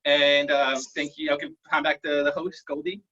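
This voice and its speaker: A man doing a halting, rambling stand-up set over a video call, full of fillers. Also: a little high, level tone, dull audio, heavy background noise. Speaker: stand-up comedian.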